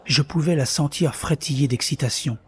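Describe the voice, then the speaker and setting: With a slightly high, breathy-edged voice, a man recounts his story in the first person at a moderate pace. He is both narrator and protagonist of the audio drama, bitter and reflective, over quiet background music.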